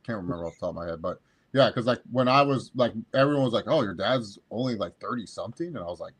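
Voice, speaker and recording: Rambling and crude, a man in his thirties co-hosts a sports podcast in a lowish, expressive voice, talking fast. He often breaks off mid-thought and restarts.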